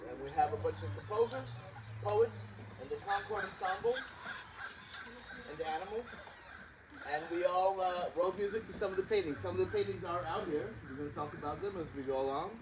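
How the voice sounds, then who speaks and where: Heard from a distance outdoors with background noise, a man who co-directs and hosts a small concert gives a casual spoken introduction. His voice is high-pitched and a little fast, rambling and self-deprecating with many fillers.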